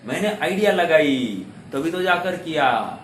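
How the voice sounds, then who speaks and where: A man's voice: on the high side, sing-song, a little slow, a bit bright. A man giving a conversational scripture talk to an audience, often checking that they understand and mixing in English words. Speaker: Jain scripture teacher. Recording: echoey room, faint ambient noise.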